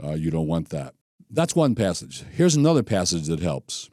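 A man's voice: sits low, moderate pace, no echo, clean studio sound. A male pastor teaching a sermon in a conversational way, acting out the scripture and the people he quotes. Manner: conversational, animated, acts out scripture and quoted speech.

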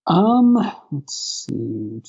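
A man co-hosting a casual podcast in a hesitant, halting way, repeating words, over a low-quality internet call. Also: very animated, darkish tone, slightly rough, dull audio. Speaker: podcast co-host. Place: hotel room, remote call.

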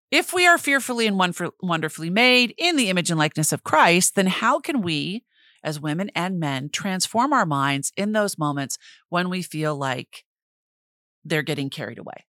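A woman's voice: fairly low pitch, dry recording, clean studio sound. A middle-aged woman co-hosting a podcast, chatting casually and laughing often. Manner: animated, laughs often, faith-based talk. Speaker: podcast co-host. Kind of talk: casual chat.

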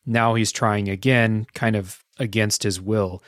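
A man's voice: fairly low pitch, fairly even intonation, unhurried, fairly bright tone, dry recording, clean studio sound. A man hosting a podcast, chatting casually about a video game in a reflective, matter-of-fact way.

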